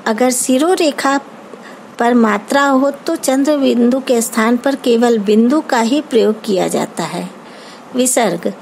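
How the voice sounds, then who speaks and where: A woman teacher with an Indian accent giving an online grammar lesson, explaining terms slowly and carefully, as if dictating. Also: on the high side, vocal fry, a little mellow, slight background noise, rough recording. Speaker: school teacher.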